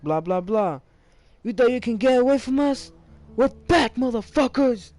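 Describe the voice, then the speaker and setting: A man voicing a hostile adult male raider, loud and taunting, in a game story recap. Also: high voice, takes it slowly, pitched above the performer's own voice. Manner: shouting, taunting.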